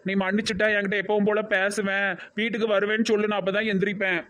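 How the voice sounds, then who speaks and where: A man voicing a gentle, preachy young husband in a cartoon, with a Tirunelveli Tamil accent and an earnest, pleading manner. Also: high-pitched, flat delivery, fast.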